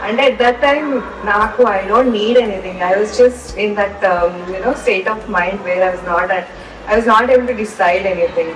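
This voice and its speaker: A woman's voice: medium pitch, extremely slow, noisy background. A young woman, a bride, talking about her fiancé in a wedding video interview, mixing two languages with many hesitant fillers. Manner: mixes Telugu and English, hesitant fillers. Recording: roomy echo from far off with loud music.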